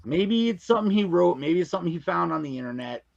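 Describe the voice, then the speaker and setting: Talking fast with a high voice, lively intonation, and vocal fry, a man chats as a guest on a casual podcast about his work as an audio drama creator and narrator. He's emphatic and slangy, repeating phrases, and the audio is dull with no room sound.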